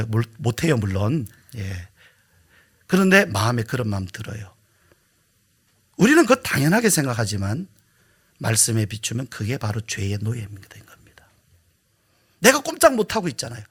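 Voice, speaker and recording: A man preaching a Sunday sermon as pastor, swinging between hushed, whispered asides and loud, emphatic rhetorical questions. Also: medium pitch, slightly rough. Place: church sanctuary.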